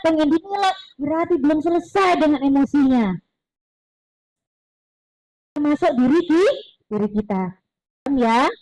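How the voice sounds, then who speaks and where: A woman giving a religious parenting talk in a lively, chatty way, slipping in words and acting out other people's lines. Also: very high-pitched, no echo, low-quality recording. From East Java. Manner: lively, chatty, mixes Javanese words, acts out voices of others. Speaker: parenting seminar speaker. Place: mosque hall.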